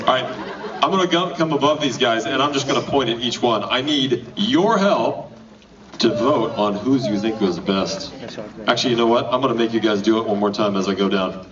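A man's voice: medium pitch, moderate pace. A man hosting a contest at a cinema event, joking and teasing the contestants. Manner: teasing, lively. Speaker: event host. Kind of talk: joking emcee banter. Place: cinema lobby at a screening. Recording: distant lo-fi camera audio with crowd.

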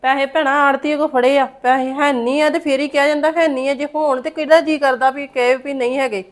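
A woman's voice: sits high, fairly even intonation, brisk, natural voice. A woman with a Punjabi accent playing a blunt homeowner in a short film, firing off probing questions.

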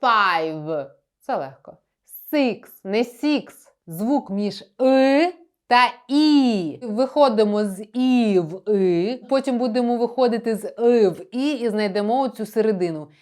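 A young adult woman teaching English pronunciation, slowly drilling sounds and explaining where to put the tongue. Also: on the high side, lively intonation, darkish tone. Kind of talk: pronunciation lesson.

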